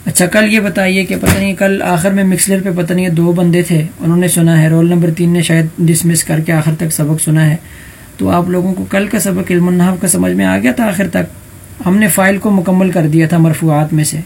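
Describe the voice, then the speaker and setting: A man's voice: high-pitched, little pitch movement, vocal fry, a little mellow, a little hiss or hum. A man teaching an online Arabic grammar lesson, speaking patiently and calling on students by roll number over a computer mic. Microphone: computer mic in an online voice chat room.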